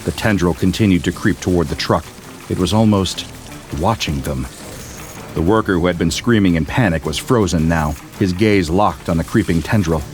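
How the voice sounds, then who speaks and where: Deep-voiced male horror narrator. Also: moderate pace, faint music behind. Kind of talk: scripted horror story narration.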